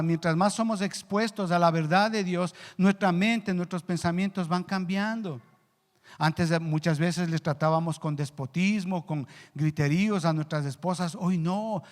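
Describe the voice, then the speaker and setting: A male pastor preaching a sermon earnestly, rising in pitch and volume for emphasis and slowing down on key words. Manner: slows down to stress key words. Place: church hall. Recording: long church reverb.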